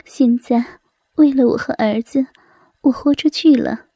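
A woman narrating a story in a soft, breathy whisper. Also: high voice, fairly even intonation, unhurried, no room sound.

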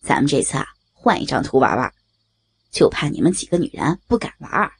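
A woman's voice: deep voice, sing-song, brisk, gravelly, slightly rough, pitched below the performer's own voice, full character voice. A woman reading a story and voicing a sly young man who teases and coaxes the others into a drinking game. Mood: goading. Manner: teasing, coaxing.

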